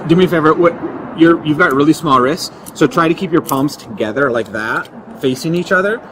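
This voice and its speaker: A man's voice: on the high side, brisk. A male police officer giving methodical step-by-step instructions and checking understanding, recorded outdoors on a body camera with traffic noise. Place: outdoors at a roadside near a patrol car. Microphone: body camera worn on the officer. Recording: noisy outdoor bodycam audio with traffic.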